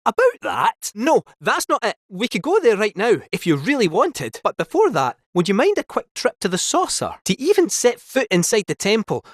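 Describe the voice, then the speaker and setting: In a clean studio recording with no echo, a man voices a chatty, scheming robot tomcat for a video game. He uses a Scottish accent and a jaunty, theatrical delivery full of swooping pitch.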